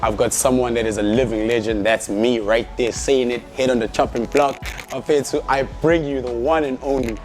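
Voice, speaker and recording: A man's voice: medium pitch, fairly even intonation, moderate pace, few pauses, darkish tone, soft background music. A young man hosting a casual interview, hyped and slangy, often repeating himself. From South Africa. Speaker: interview host.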